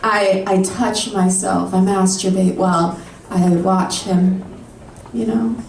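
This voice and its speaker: A woman's voice: medium pitch, steady tone, slow, far from the mic, noisy background. A woman in her thirties performing a brash, sarcastic stand-up comedy set. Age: 30s. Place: comedy club stage with a live audience. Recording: echoey room, mic heard from afar, crowd laughter. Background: audience laughing.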